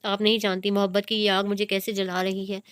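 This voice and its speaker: A woman's voice: mid-range voice, little pitch movement, brisk, clean tone, no echo, studio quality, natural voice. A woman voicing a heartbroken young woman who speaks with intense despair. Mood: anguished.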